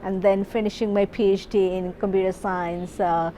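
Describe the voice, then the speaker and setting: A woman's voice: medium pitch, level tone, moderate pace, mellow. A middle-aged woman, a professor explaining her research in a conference interview, with many fillers and restarts. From Bangladesh.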